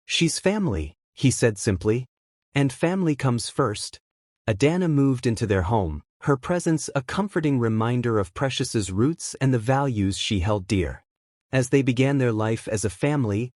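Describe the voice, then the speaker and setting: Expressive male storyteller, dry sound. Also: medium pitch, dry recording. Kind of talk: scripted narration.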